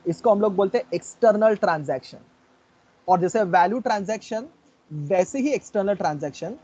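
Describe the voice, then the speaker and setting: Guy teaching a class, explains slowly bit by bit, kinda husky, muffled low-quality audio. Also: a little mellow. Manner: explains step by step and quizzes students. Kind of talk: classroom lecture. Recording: dull lo-fi recording.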